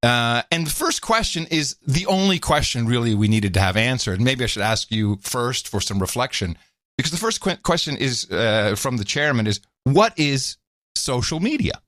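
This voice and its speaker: A man's voice: mid-range voice, normal speed, no room sound, clean studio sound. A man co-hosting a podcast, giving casual, sarcastic political commentary with sudden leaps into mocking voices. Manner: animated, sarcastic, jumps into mock voices. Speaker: podcast co-host.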